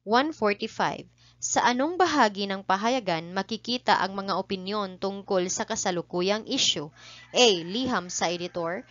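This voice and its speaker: A woman's voice: mid-range voice, expressive, moderate pace, a bit bright, no room sound, lo-fi sound. A woman teacher with a Filipino accent reads review quiz questions and answers aloud, repeating each answer twice in a polite tone. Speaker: teacher running an exam review.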